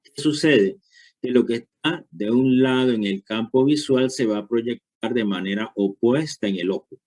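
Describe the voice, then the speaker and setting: A man's voice: mid-range voice, normal speed, darkish tone. A man giving a university lecture, explaining step by step and checking understanding with frequent short questions.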